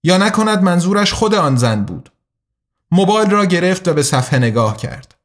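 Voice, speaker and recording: Man with a slightly high narrating voice. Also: big pitch swings. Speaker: audiobook narrator. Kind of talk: scripted narration.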